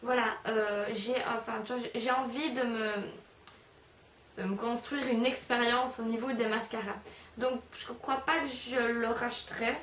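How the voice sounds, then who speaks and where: A young woman talks through her favourite products in a loose, rambling way, full of fillers and jokes at her own expense. Her voice sits a bit high and rings around a bare, echoey room, picked up from a little way off by the camera's own mic, with faint room hiss. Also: steady tone, normal speed, fairly bright tone, recorded from a distance. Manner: chatty, rambling, self-mocking, many fillers. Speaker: beauty vlogger. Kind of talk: casual product review vlog. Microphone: camera's built-in mic.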